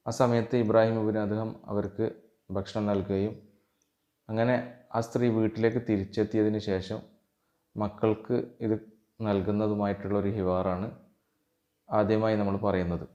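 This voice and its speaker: A man from Kerala, an Arabic teacher, giving an exam-prep lesson. He reads dialogue lines slowly and then translates them. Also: on the low side, flat delivery, warm tone, dull audio.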